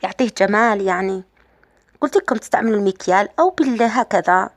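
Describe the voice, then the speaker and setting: A woman's voice: medium pitch, fast, dry recording, studio quality. A woman from Algeria with an Algerian Arabic accent, hosting a casual at-home hair care tutorial and explaining each step, often repeating and rephrasing her points. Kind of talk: casual how-to demonstration.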